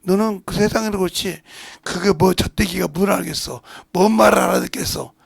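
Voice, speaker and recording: A middle-aged Korean pastor with a Jeolla accent, preaching a sermon and breaking into loud acted-out lines. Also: male voice, sits high, a little fast, dry recording, studio quality. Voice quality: gravelly. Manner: preaching with sudden shouts and acted-out dialogue.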